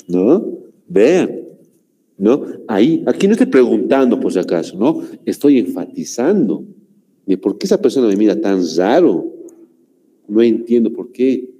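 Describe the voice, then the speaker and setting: A man's voice: lowish voice, warm tone, rough recording. A man with a Bolivian Spanish accent teaching a grammar class, who keeps repeating "muy bien" and "señores" and asks the class rhetorical questions.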